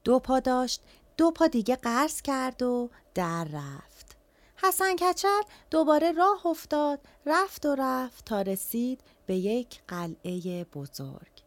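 A woman telling a fairy tale in a chatty, colloquial way, her voice rising and falling with the story. Her pitch sits fairly high, and the recording is dry and close. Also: very animated, no echo. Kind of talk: folk tale narration.

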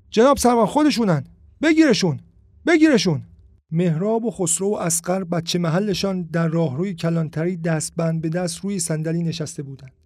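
A man narrates a story in a steady, measured audiobook reading. His voice sits high for a man. The sound is dry and close, recorded on a studio mic with no room echo.

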